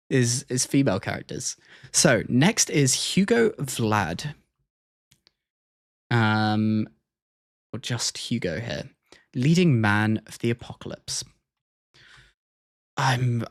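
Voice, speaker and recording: A man hosts a livestream, offering casual reaction commentary while thinking aloud hesitantly and repeating words as he goes. His voice is medium-pitched, and the studio-quality recording has no echo.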